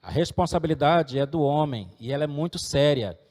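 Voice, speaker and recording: A man's voice: a little high, expressive, a little fast, a little mellow, big-room sound. A middle-aged man, preaching a sermon and earnestly exhorting his congregation. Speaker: pastor.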